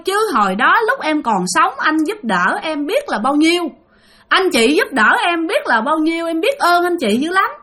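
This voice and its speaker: Shrill, high-pitched ghost woman with fangs, eerie storybook spirit. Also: pushed and bright, heavily acted. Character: vengeful ghost woman turned demon, long fangs, shrill.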